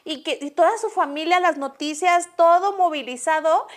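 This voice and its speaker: Young mexican girl, high voice, gabbing with her friend, slangy and giggly, tells stories fast. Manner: chatty, slangy, laughs often, reads listener stories aloud. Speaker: podcast co-host. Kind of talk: casual chat.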